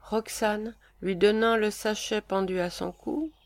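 A woman reads the stage directions of a play in a calm, even manner. She speaks slowly with a touch of creak. The sound is dry and close. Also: medium pitch, no room sound.

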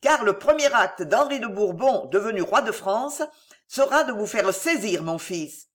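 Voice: medium pitch, expressive, a little slow, a bit bright. A reader voicing a proud, fierce aristocratic mother who speaks in a fiery, declamatory way. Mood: fierce, urgent.

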